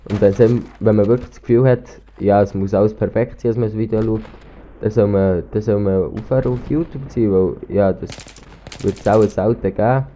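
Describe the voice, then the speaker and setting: A teenage boy from Switzerland, a gaming YouTuber with a Swiss German accent and a slight cold, rambles hesitantly over gameplay with lots of restarts and ums. He speaks fairly quickly in a lowish, warm voice with fairly even intonation. Slight background noise comes through his cheap gaming headset.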